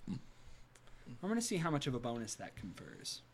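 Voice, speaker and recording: A man's voice: mid-range voice, huge pitch swings, normal speed, slight background noise. A man narrating a tabletop game as game master, improvising in a theatrical way.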